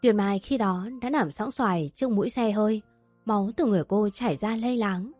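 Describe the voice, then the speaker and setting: A woman narrating a dramatic family story in an emotive, steady storytelling voice. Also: medium pitch, brisk, no room sound, faint music behind.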